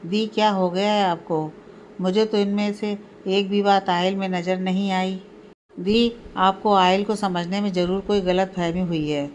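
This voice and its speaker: A woman voicing a lively, teasing young woman who plays the younger sister in a read-aloud family story. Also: mid-range voice, a little slow, a little hiss or hum, close to an everyday voice.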